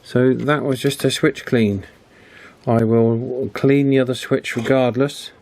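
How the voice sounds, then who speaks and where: A man hosting an electronics repair channel talks casually and unscripted while working on a repair, chatty and fond of tag questions. His mid-range voice is steady, unhurried and a little mellow.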